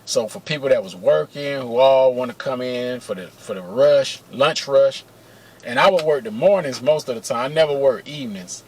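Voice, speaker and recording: A man's voice: mid-range voice, normal speed, husky. Slangy, profane man telling stories. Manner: animated, slangy and profane, addresses viewers as y'all. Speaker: vlogger telling personal stories. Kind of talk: casual storytelling to camera. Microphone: camera mic, close.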